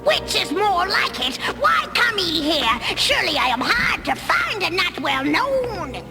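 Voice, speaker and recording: A woman's voice: extremely high pitch, very animated, a little slow, full character voice. A woman playing an ancient, sly cartoon enchantress who talks in archaic, imperious phrases, like an old being disturbed from long slumber. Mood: sly, amused. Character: ancient cave-dwelling enchantress, roused after ten millennia, haughty, sly. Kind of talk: cartoon villain acting. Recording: loud music behind the voice.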